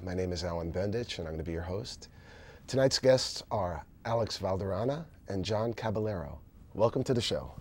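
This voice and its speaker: A man with a fairly low voice hosts an interview show. He asks his questions haltingly, starting over several times as he finds the words. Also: expressive, breathy edge. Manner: hesitant, many fillers and restarts. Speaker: host. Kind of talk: casual interview chat.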